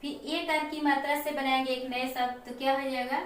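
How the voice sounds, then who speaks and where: A woman teacher explaining a Hindi lesson to children slowly and step by step, with example words. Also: sits high, fairly even intonation. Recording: echoey room, mic far off, faint noise.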